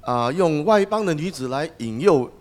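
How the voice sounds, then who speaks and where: A man's voice: on the high side, animated, moderate pace. A man interpreting a sermon phrase by phrase, with some hesitations as he goes.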